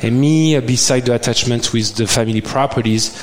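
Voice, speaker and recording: A man from France with a French accent and a smooth voice, telling his story casually in an interview. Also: mid-range voice, fairly quick, poor audio. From Bordeaux, France. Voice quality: smooth, silky. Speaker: winemaker guest. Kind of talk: casual chat.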